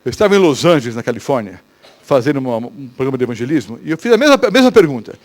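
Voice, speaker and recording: In church, a male pastor with a Brazilian Portuguese accent delivers an animated sermon, firing questions at the congregation. His voice sits at a medium pitch and his delivery is rapid-fire.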